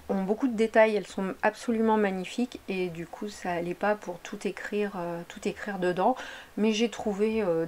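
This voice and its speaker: A woman's voice: medium pitch, a little mellow, a little hiss or hum. A woman talking casually over her craft video, chatty and meandering, often correcting herself mid-sentence. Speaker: craft vlogger.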